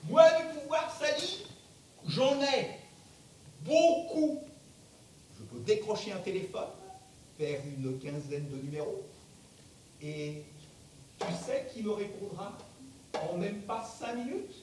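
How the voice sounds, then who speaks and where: A man's voice: sing-song, takes it slowly, pauses often, exaggerated voice. An actor on stage playing an arrogant, powerful man in angry denial, declaiming emphatically in a theatrical monologue. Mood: blustering, defiant. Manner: emphatic, declamatory, bursts into shouting. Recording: distant mic, very echoey theatre, rumbling noise.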